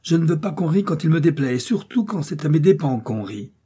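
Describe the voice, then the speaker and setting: A man reading an audiobook voices a hot-headed young Gascon man who shouts indignant challenges. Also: fairly high pitch, lively intonation, a little fast, breathy edge, pitched above the performer's own voice. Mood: furious, challenging.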